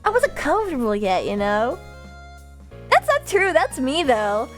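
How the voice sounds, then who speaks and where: Young woman, cute anime streamer, high voice, lively intonation, playful nonstop chat, livestream, background music. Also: measured pace. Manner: cute, animated anime-streamer delivery, emoting through the voice; playful, chatty, nonstop talking. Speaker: VTuber livestreamer. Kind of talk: casual livestream chat, reading and answering viewers' messages. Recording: music playing behind the voice.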